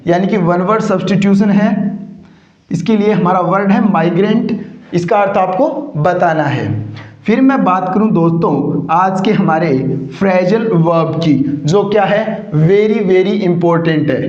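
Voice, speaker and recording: In an exam-prep vocabulary lesson, a man with a high-pitched, darkish voice drills English words by posing questions and answering them himself, repeating each one. He drawls the words slowly to demonstrate pronunciation, and the lo-fi recording sounds roomy and dull.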